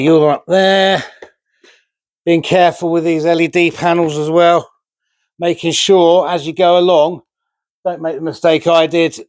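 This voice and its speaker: A man's voice: fairly high pitch, darkish tone, dry recording. A man casually talking through a DIY build as he works, chatty and self-deprecating, on a remote mic. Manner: chatty, self-deprecating, talks while working with hands. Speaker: DIY vlogger. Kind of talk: casual how-to narration while building.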